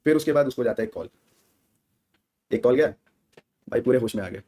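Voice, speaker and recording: A man from India talks as a gaming streamer, ranting casually and with plenty of slang, often asking his viewers to agree. His voice is medium in pitch, brisk, and warm.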